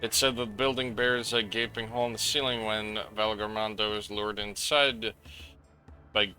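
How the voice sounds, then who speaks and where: A man's voice: on the low side, little pitch movement, moderate pace, bright, forceful tone, faint music behind. A man streaming a game live, reading the story text aloud, tripping over names and swearing in between.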